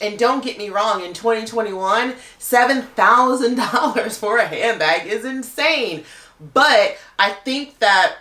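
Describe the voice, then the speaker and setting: A woman's voice: mid-range voice, sharp tone, echoey room. A woman talking casually to camera as a luxury handbag YouTuber, chatty and full of "like" fillers.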